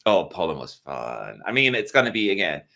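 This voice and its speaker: Lively chatty male live-stream co-host. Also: low voice, moderate pace, creaky. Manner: chatty, lively intonation, many fillers. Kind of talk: casual live-stream chat.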